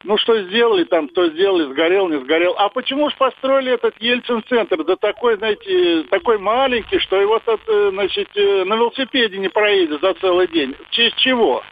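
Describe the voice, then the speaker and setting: A male caller comes through a thin, tinny phone line that keeps breaking up and sounds far away. His voice sits high and gravelly, and he rambles from point to point with rhetorical questions. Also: very animated, fairly quick, few pauses. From Moscow region. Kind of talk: call-in radio comment.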